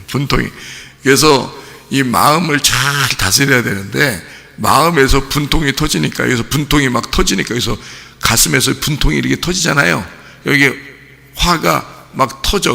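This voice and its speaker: A man's voice: mid-range voice, gravelly, pushed and bright, long reverb tail. A male pastor preaching a sermon with emphasis, often putting questions to the congregation.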